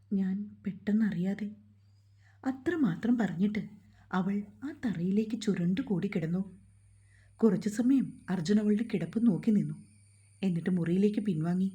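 A woman narrating a romance novel as a storyteller in a calm, even delivery. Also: mid-range voice.

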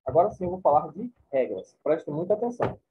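A man's voice: fairly high pitch, big pitch swings, fast talker, a little hiss or hum. A man teaching a class, explaining points informally and often checking in with his students. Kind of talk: classroom lecture. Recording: tinny phone-like recording.

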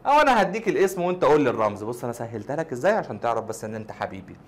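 Quick, lively Egyptian Arabic man teaching. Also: mid-range voice. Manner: chatty, quizzing the listener and answering himself. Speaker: chemistry teacher. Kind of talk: casual classroom explanation.

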